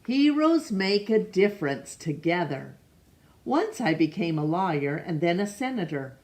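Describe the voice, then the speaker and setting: Reading a picture book to children, this storytime reader uses a sing-song voice on the low side. Her pace is slow and gentle; she asks the listener questions along the way and occasionally trips over names, going back to reread them.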